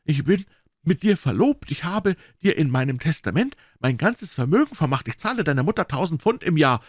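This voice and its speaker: A man voicing an erratic, abrupt young male scholar in a read-aloud crime story, prone to excitable outbursts. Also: medium pitch, moderate pace, no room sound, clean studio sound, voice pushed up. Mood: indignant.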